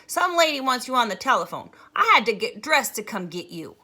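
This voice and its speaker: A woman voicing a bossy little girl who speaks in a loud, prissy manner. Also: sits high, wildly swooping pitch, a little slow, pitched above the performer's own voice, exaggerated voice.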